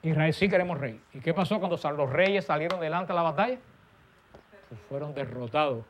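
A man preaching a sermon, stressing key words and letting his voice fall soft and low at the ends of phrases. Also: brisk, a little hiss or hum.

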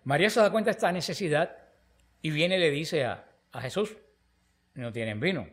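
A man's voice: a little high, fairly quick. A man teaching on the Bible in a conversational talk, telling stories and acting out the dialogue. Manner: animated storytelling, acting out quoted dialogue. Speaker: preacher.

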